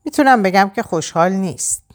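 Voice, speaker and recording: A woman's voice: mid-range voice, lively intonation, pitched above the performer's own voice, close to an everyday voice. Woman doing a flustered bar manager guy. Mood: irritated. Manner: halting, stammering restarts. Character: harried male bar manager, irritated then worried.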